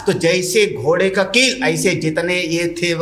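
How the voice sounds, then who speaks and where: A man with a high voice gives a slow-paced sermon on scripture. He chants Sanskrit verses carefully and then explains them in plain, homely Hindi. The recording rings with echo. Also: a bit bright. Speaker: swami teaching scripture. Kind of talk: sermon-style scripture commentary.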